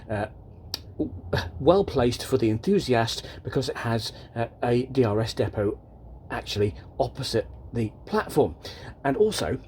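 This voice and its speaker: A man's voice: mid-range voice, darkish tone, breathy edge. A man vlogging about his model railway layout in a chatty, rambling way, often stopping and restarting his sentences, recorded on a tripod camera indoors. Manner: rambling, chatty, self-interrupting. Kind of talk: casual show-and-tell vlog.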